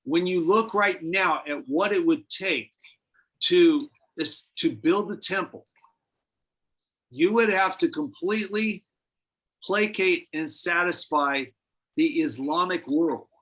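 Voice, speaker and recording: A man with a somewhat high voice leads a church Bible study. He talks in a relaxed, musing way, often restarting his sentences as he thinks aloud. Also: rough recording. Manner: conversational, speculative, many restarts. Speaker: pastor.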